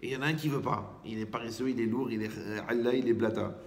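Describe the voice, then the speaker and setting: A man, a rabbi, giving a lively Torah class to a live group, asking rhetorical questions and checking that listeners follow. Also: medium pitch, fast, roomy sound.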